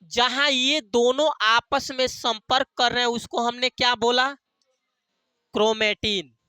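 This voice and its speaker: Slow, bright-voiced male teacher. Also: very high voice, fairly even intonation, clean tone, no echo. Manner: asks questions and answers them himself, repeats key terms; uses jokey memory tricks. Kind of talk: classroom lecture with call-and-response questions.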